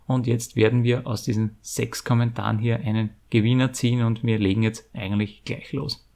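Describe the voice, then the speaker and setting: A man's voice: medium pitch, flat delivery, moderate pace, creaky, darkish tone. A middle-aged man, hosting a video and announcing a giveaway in a wordy, informal explaining way. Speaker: YouTube channel host. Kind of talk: scripted giveaway announcement to viewers.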